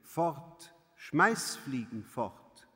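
A man's voice: medium pitch, big pitch swings, extremely slow, fairly bright tone, heavily acted. A man voicing a curt, hard-hearted female serving maid in a read-aloud play. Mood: contemptuous. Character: harsh, contemptuous serving maid, woman. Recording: long hall reverb.

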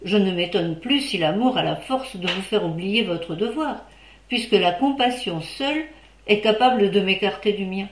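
A woman's voice: mid-range voice, lively intonation, normal speed, a little hiss or hum, natural voice. A woman voicing an upright old male squire who scolds his mistress with indignation. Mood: moved. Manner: indignant, then softened. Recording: roomy echo.

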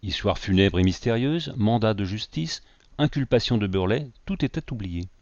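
A man narrating a novel aloud in a measured, expressive reading. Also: lowish voice, no echo. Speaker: audiobook narrator. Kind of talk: scripted narration. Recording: dry, slightly dull recording.

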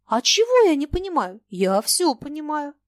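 Woman doing a cranky old merchant man, high and shrill, mocking, wheedling, dry storybook sound. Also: very animated, normal speed, no echo. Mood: scolding.

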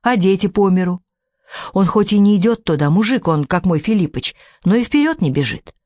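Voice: mid-range voice, expressive, fairly quick, a little mellow, dry recording, close to an everyday voice. A man reading a storybook, voicing an old village woman with folksy rural speech. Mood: wistful. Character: old village woman telling her war memories.

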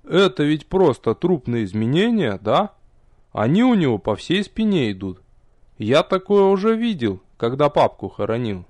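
A man voicing a nervous, sullen teenage apprentice boy in an audiobook, speaking gruffly and hesitantly. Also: a little high, sing-song, moderate pace, a little mellow, dry recording, pitched above the performer's own voice. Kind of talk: audiobook character voice.

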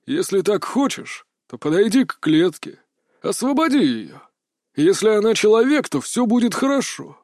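A man's voice: high voice, very animated, normal speed, a little mellow, dry recording, studio quality, voice pushed up. A man voicing a mocking bearded old hunter. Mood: taunting. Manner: taunting, philosophizing. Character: burly bearded older male hunter, mocking, sly. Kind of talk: audiobook character voice.

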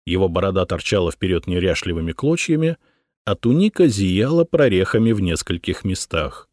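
A man narrating an adventure audiobook with an expressive reading. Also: low voice, no echo, clean studio sound. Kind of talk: scripted narration.

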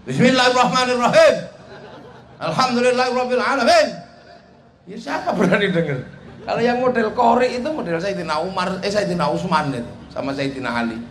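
A man's voice: sits high, quick pace. A man preaching a humorous sermon, telling a story and acting out the dialogue. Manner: animated, joking, acts out dialogue. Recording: echoey hall with crowd noise.

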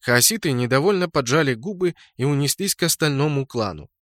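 A man narrating a first-person game-world story in an even storytelling manner. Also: medium pitch, fairly quick, no echo, studio quality. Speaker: audiobook narrator.

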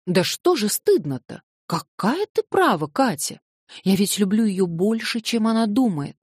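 A woman voicing an excitable, naive young man who protests plaintively, reading an audiobook. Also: medium pitch, unhurried, slightly rough, no echo, studio quality, voice pushed up. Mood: defensive.

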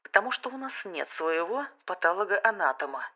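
A woman voicing a gruff, dismissive male police major who speaks coldly and curtly. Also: mid-range voice, animated, normal speed, bright, forceful tone, muffled recording. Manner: curt, cold, dismissive.

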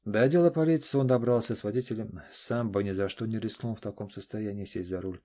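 A man narrating a story in a measured, even way. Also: on the low side. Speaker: audiobook narrator. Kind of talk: scripted narration.

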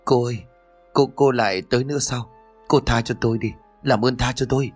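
A man's voice: medium pitch, steady tone, a little fast, breathy edge, soft background music, natural voice. A man voicing an easygoing young man in a horror audio story, casual and polite with his elders. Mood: terrified.

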